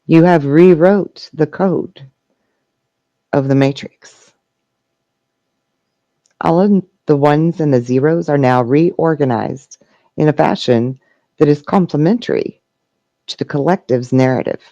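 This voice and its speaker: A man acting as a trance medium for a serene, benevolent spirit collective. The voice is mellow and very unhurried, moving in formal, halting phrases like teachings delivered at a seance. The sound is close and dry. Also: fairly high pitch, no echo, highs cut off. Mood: serene, hopeful. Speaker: trance channeler answering questions. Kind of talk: trance channeling question and answer session.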